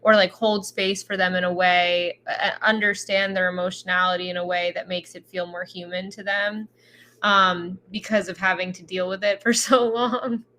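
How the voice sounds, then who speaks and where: A woman's voice: fairly low pitch, fairly even intonation, normal speed, bright, forceful tone, slight background noise. A woman co-hosting a podcast, musing reflectively in a casual chat with lots of filler words. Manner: reflective, filler-heavy, thoughtful. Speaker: podcast co-host.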